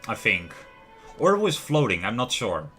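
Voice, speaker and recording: This man's voice sits at a medium pitch with huge swings, delivered at a normal speed in a bright, forceful tone. Casually commentating on a video game livestream, he muses aloud and frequently drifts off questioning himself. Behind him you can hear lo-fi music and the clatter of keys and clicks.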